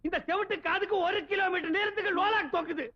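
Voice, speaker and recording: An actor playing a hot-tempered shopkeeper who scolds and shouts insults in a comedy film scene. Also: male voice, extremely high pitch, steady tone. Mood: exasperated. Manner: loud, scolding, quick to yell insults. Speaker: comic lead in a film scene. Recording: dull lo-fi old film audio.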